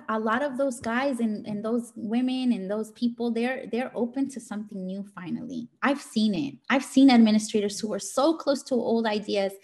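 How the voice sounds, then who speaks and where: A woman's voice: on the high side, a little mellow. A woman giving an informal motivational talk in an emphatic, scolding teacher voice, speaking directly and colloquially.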